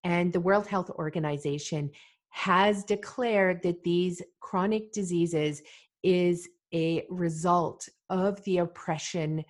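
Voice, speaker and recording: Low-voiced earnest woman podcaster. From Malawi. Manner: earnest and deliberate, with fillers and repeated phrases. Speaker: podcast host. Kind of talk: solo podcast monologue.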